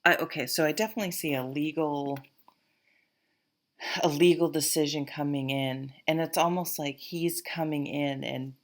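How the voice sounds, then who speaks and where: Low, gravelly woman with a Vermont accent. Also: steady tone. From Vermont, USA. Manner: halting, rambling, thinking aloud. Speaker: tarot reader, host. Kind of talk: casual, unscripted tarot reading to camera.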